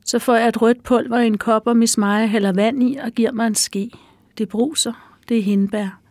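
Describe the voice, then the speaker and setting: A woman author reading a passage from her own novel in a soft, measured way. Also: a little high, no echo.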